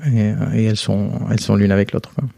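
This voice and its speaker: A man's voice: lowish voice, fast talker, gravelly, dry recording, dull audio. A man, a guest and father, telling family stories in a casual interview, acting out the voices of the people he quotes. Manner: animated anecdotes, acts out quoted voices.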